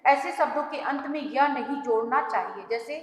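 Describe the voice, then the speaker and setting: High-voiced woman teaching in an echoey room. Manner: explains slowly, repeats examples, addresses children. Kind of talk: classroom grammar lesson. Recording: echoey room with long reverb.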